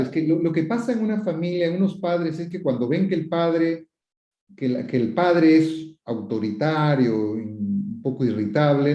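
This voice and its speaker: A man with a somewhat high, mellow voice gives advice as a psychotherapist answering viewers' questions, explaining through lots of repetition and rhetorical questions. He quotes the people who wrote in and acts out example phrases, and the recording is roomy, dull and lo-fi.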